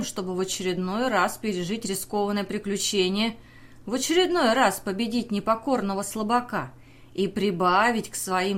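A woman's voice: mid-range voice, close to an everyday voice. A woman reading a desperate pleading young sailor. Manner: pleading, accusing, intense. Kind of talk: audiobook character reading.

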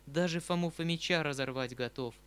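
A man's voice: on the high side, brisk, fairly bright tone, clean tone, lightly acted. A man reading aloud, voicing the lines of an earnest, proud young woman in a scripted audiobook narration. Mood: worried.

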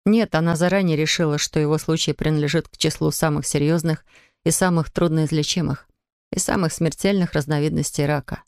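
A woman narrating a literary novel in an even, measured storytelling voice. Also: deep voice, clean tone, dry recording, studio quality. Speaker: audiobook narrator.

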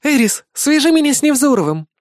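A man reading an audiobook, voicing a brash, scheming young goddess who talks loud and snappy. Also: extremely high pitch, very animated, brisk, no echo, studio quality, voice pushed up. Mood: teasing. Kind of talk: audiobook character voice.

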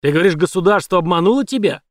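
A man voicing a menacing, bullying armed police chief who barks loud threats. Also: sits high, lively intonation, very fast, dry recording, studio quality, pitched above the performer's own voice. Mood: barking.

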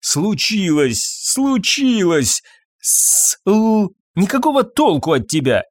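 A man voicing a panicky, cowardly man who is out of breath, whining and frantic in a high voice. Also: big pitch swings, moderate pace, no room sound, studio quality.

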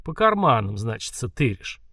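A man's voice: medium pitch, very animated, normal speed, bright, forceful tone, dry recording, studio quality. A man voicing a boastful teenage street punk. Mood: swaggering. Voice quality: swaggering criminal slang. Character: loud boastful teen male wannabe thug.

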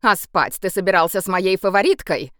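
A woman's voice: medium pitch, fairly quick, a bit bright, no echo, studio quality, lightly acted. A woman reading a cold, commanding emperor. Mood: angry. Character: cold, possessive male emperor with a beastly temper. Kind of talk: audiobook character voice.

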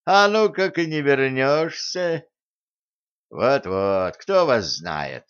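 A man voicing bold, stubborn armed peasant men who shout back loudly and cheekily. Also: mid-range voice, big pitch swings, slow, clear, resonant tone, voice pushed up. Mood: cold, threatening. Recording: slightly dull recording.

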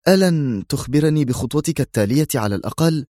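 A man's voice: mid-range voice, animated, quick pace, mellow, no room sound, clean studio sound, pitched above the performer's own voice, natural voice. A man voicing a nervous male intelligence aide who keeps questioning his commander in a strained, pleading tone. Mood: tense.

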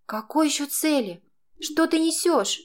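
A scared young student snaps back at her tormentor in a high, breathless voice, torn between panic and defiance, as the woman narrator acts her out. Her retorts come out sharp and louder than the narration around them. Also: lively intonation, a little slow. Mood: panicked.

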